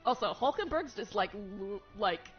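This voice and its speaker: A woman's voice: mid-range voice, lively intonation, normal speed. A woman streamer chatting playfully and dramatically while voicing a game, often laughing. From second-generation Italian family. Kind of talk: casual game-stream chat. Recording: muffled audio, faint game music.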